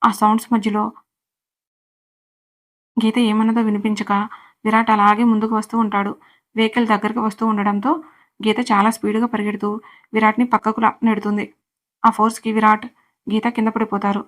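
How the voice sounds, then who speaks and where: A woman storyteller narrating a scripted serial story in a steady, unhurried reading. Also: medium pitch.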